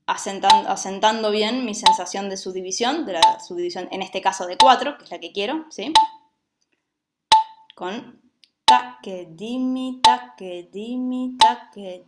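A woman teaching a music lesson, who explains patiently and often checks that her students follow. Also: mid-range voice.

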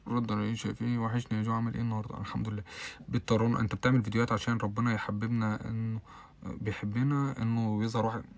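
A young man with an Egyptian Arabic accent, hosting a casual live stream, chatting with viewers and answering their comments, with bursts of loud laughter. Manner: rapid chatty talk with frequent oaths and bursts of loud high laughter.

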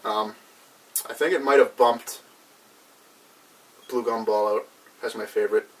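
Halting young man, slightly low voice. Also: steady tone. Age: young adult. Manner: halting, filler-heavy, searching for words. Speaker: reviewer. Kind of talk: casual unscripted review chat. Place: small cluttered indoor room with brick wall. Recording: distant mic, background noise.

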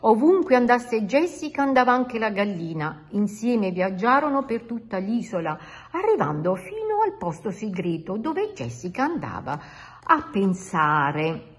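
A woman reading a picture book aloud to children in an expressive storytelling manner. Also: medium pitch, measured pace, breathy edge. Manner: animated, expressive.

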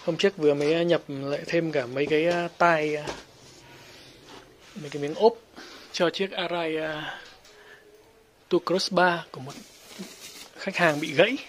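Helmet shop guy doing a casual unboxing vlog, lots of uh pauses, bit of noise and clicks behind. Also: mid-range voice, fairly even intonation. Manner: hesitant, many fillers. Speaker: helmet shop owner and vlogger.

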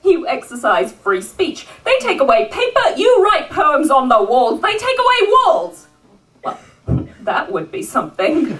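A woman's voice: high-pitched, fairly bright tone. A woman performing rhythmic spoken-word poetry at a live benefit event, rousing the audience into call-and-response. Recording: voice picked up from a distance at a live event.

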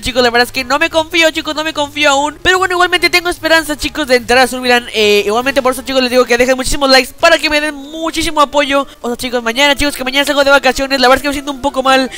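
Using a headset, a teenage gaming YouTuber with a very high-pitched, sharp voice talks slangily through his gameplay. He mentions feeling slightly unwell and weak, and "chicos" turns up in every sentence.

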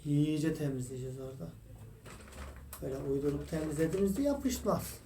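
A man's voice: fairly high pitch, a little fast, dark tone. Man explaining a guitar repair, distant mic. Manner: explains while working, keeps calling viewers "friends". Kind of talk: casual repair tutorial. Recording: echoey room, distant mic, noisy.

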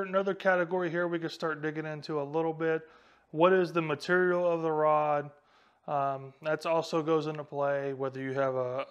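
A man, hosting a fishing channel and explaining gear casually to the camera in a small indoor room on a lapel mic. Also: fairly high pitch. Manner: casual, talks straight to camera while handling rods. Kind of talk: instructional explainer. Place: small indoor room with a whiteboard and a tackle wall.

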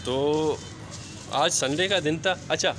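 Speaking slowly in a somewhat high voice, this man, a poultry vlogger, shows off his rooftop yard in a relaxed, talkative way and keeps repeating fillers. The footage comes from a phone he holds outdoors, with ambient sound from outside.

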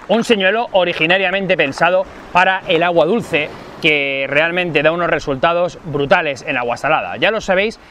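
A man's voice: fairly high pitch, a bit bright, a little hiss or hum. Upbeat man at a sea cove. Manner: enthusiastic, addresses viewers directly. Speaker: fishing guide. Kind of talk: fishing vlog talk to camera. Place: outdoors at a seaside cove.

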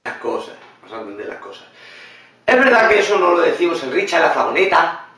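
Blunt, animated male vlogger, high bright voice, booming echoey room, mic set back. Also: brisk, far from the mic. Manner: animated, blunt and swearing, mimics others in funny voices. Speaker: vlogger reacting to a video. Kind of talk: casual opinionated commentary.

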